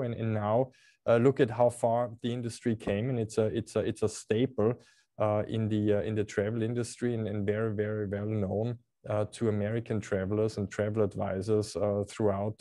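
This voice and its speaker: A cruise company representative from Austria speaks in a deep, dry, mellow voice during a video call interview, with no echo. He sounds hesitant, using many fillers and repeating words.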